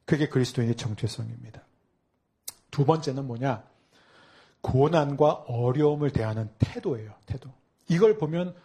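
A man's voice: mid-range voice, dark tone, slightly rough. A man preaching a sermon as a pastor, who asks the congregation questions and acts out the inner voices of believers.

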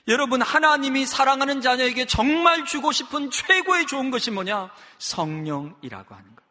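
A pastor delivers a sermon in a high, bright voice. He keeps it conversational and acts out prayers and quotes in shifting voices. His voice rings with the long reverb of a church hall. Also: animated, a little fast.

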